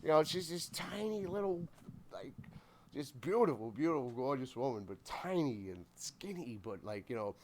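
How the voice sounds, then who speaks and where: A middle-aged man casually telling a wild childhood story, swearing constantly and shouting out the lines of the people in it. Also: mid-range voice, big pitch swings, moderate pace, slight background noise. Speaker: podcast guest.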